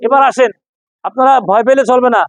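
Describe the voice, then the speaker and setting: A man's voice: very high voice, a little fast, no room sound, poor audio. A man teaching pronunciation to a class, repeating sounds and quizzing students in call-and-response drills. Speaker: Quran reading teacher.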